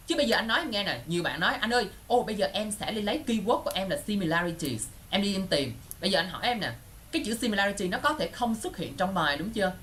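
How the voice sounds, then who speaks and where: Lively male teacher. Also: high-pitched, slight background noise. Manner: keeps checking students follow with quick questions. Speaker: English exam teacher. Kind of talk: lively online class teaching.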